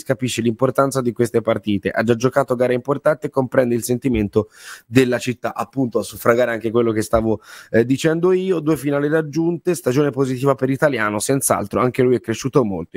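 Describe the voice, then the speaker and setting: A man's voice: mid-range voice, a little mellow, no echo. Guy hosting sports radio, chatty, stumbles and restarts, mid voice, really dry close mic. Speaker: radio host. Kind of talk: conversational sports radio presenting.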